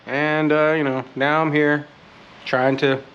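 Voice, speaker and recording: A man who sounds under the weather, giving a casual, halting how-to vlog talk in a low-key, plain-spoken way. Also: level tone, muffled recording, a little hiss or hum. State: under the weather, sick with a cold. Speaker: host of a DIY motorcycle repair channel.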